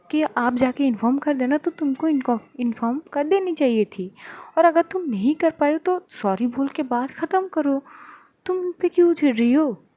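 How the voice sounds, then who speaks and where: A woman voicing a young woman friend who calmly chides and reasons with her friend. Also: high voice, no echo, dull audio, voice pushed up. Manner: chiding, reasoning.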